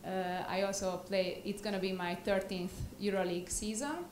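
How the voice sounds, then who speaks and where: A woman's voice: medium pitch, steady tone, moderate pace, a little mellow. A woman in her thirties with a Hungarian accent introducing herself as a guest speaker, hesitant with many fillers. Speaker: guest speaker, basketball player. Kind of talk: self-introduction. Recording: echoey hall with faint noise.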